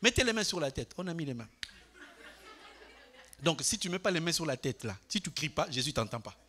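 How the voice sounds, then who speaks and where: An older man preaching a Bible study to a congregation, putting questions to them and swinging between loud declarations and quiet asides. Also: fairly high pitch, lively intonation, fast talker. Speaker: pastor. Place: church.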